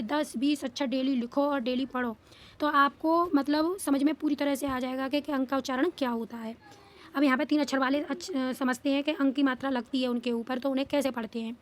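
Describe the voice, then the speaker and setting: A woman teaching small children to read, patiently repeating questions and stretching out sounds slowly. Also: sits high. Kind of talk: Hindi reading lesson for children.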